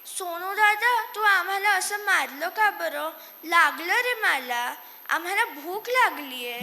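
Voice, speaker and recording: A woman's voice: very high voice, a little slow, sharp tone, heavily acted. A woman voicing two small lazy mice, eager and whiny, on a stage. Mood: pleading. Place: stage in a hall. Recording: echoey hall.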